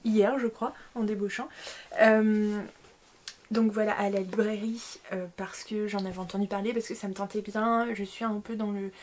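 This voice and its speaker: A young woman with a French accent, a book vlogger, talks casually to the camera about books she bought, with many fillers, restarts and self-mocking asides. Her medium-pitched voice is flat and a little mellow at normal speed, with slight background noise.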